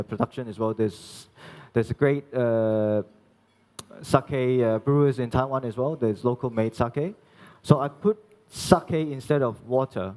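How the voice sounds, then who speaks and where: Man from Hong Kong, chef, cooking demo, halting with restarts, long hall reverb. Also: medium pitch, darkish tone. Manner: halting, many restarts, explains step by step. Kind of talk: live cooking demonstration.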